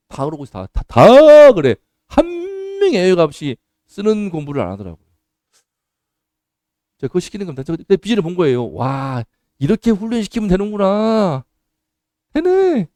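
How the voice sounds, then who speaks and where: Animated Korean pastor preaching, lively pitch. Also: male voice, dry recording. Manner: animated, switching from calm storytelling to loud scolding exhortation. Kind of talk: sermon with anecdotes. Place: church sanctuary.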